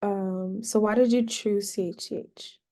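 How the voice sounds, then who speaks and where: A young woman puts questions to a student panel, with a few "um"s between them. Her voice is soft and mellow. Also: mid-range voice, steady tone, measured pace.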